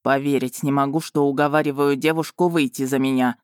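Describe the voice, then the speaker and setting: A woman voicing a proud, brooding male dragon lord who speaks in a cool, measured, slightly mocking way. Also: very deep voice, steady tone, darkish tone, no room sound, studio quality. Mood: calm.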